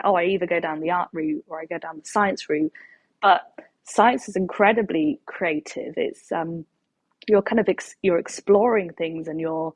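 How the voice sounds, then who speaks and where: A young woman with a husky voice, slightly low in pitch, talks casually in a close, dry sound. She is thoughtful and often rephrases herself. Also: no echo. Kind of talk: casual panel discussion.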